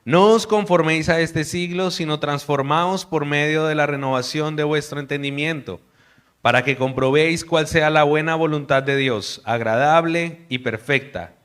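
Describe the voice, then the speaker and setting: A man's voice: a little high, moderate pace, clear, resonant tone. A young man from Colombia, a missionary preaching an earnest sermon to a congregation. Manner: earnest, warm preaching with hushed prayer.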